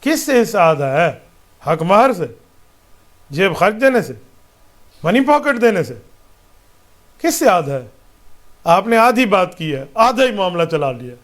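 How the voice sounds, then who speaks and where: A man acting as a mufti answers listeners' religious questions emphatically, using rhetorical questions and repeated parallel phrases. His voice is high and sing-song, and he pauses often.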